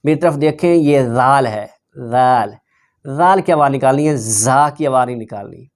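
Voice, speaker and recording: Man teaching slow careful recitation. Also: mid-range voice. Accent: Pakistani Urdu. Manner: slow drawn-out recitation between quick explanations. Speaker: religious teacher. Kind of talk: recitation lesson for students.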